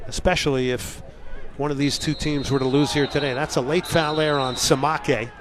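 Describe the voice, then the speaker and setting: Male play-by-play soccer commentator, fairly high voice, outdoor stadium ambience behind him. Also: steady tone, normal speed, noisy background.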